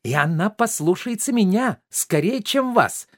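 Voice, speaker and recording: A man voicing a sharp-tongued, cheeky female maid in a play reading, teasing and contrary. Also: fairly high pitch, expressive, brisk, dry recording, studio quality, natural voice. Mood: defiant. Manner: pert, teasing, stubbornly contrary.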